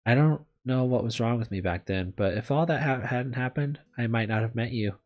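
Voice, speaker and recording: In a medium-low, androgynous voice, a game streamer works through a visual novel, a little fast, alternating between reading aloud and candid, casual commentary that's self-deprecating and freely profane. Gentle guitar plays in the background of a muffled recording.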